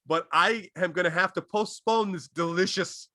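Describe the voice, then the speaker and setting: A man's voice: high-pitched, normal speed, sharp tone, no room sound, clean studio sound. A man voicing a giddy, lustful husband who is in a rush to buy silk sheets, in a squealing, theatrical way.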